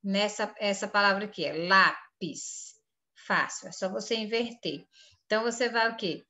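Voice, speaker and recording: Bright-voiced Brazilian woman teacher. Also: mid-range voice, fairly quick. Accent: Brazilian Portuguese. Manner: firm, repeatedly urging students not to make mistakes. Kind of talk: reading through an exam for pupils.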